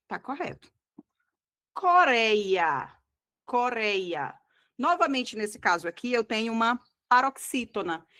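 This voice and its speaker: This is a woman of medium pitch and fairly bright tone, teaching exam-prep grammar with a Brazilian Portuguese accent. She breaks each point into steps, slows down for emphasis on key words, and keeps checking in didactically with "tá?" and "tá bom?".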